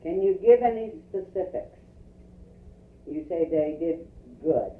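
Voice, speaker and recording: A woman's voice: on the low side, animated, measured pace. A woman asking informal questions as an oral history interviewer. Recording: tinny, roomy, distant, noisy field tape.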